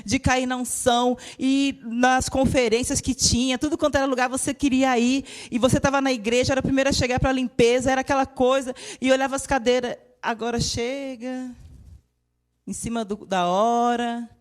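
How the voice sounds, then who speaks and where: Young Brazilian woman preacher, lively and emotional, in a church. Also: sits high, moderate pace. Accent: Brazilian Portuguese. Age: young adult. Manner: lively and emotional, with laughter and mimicked voices. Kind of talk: sermon.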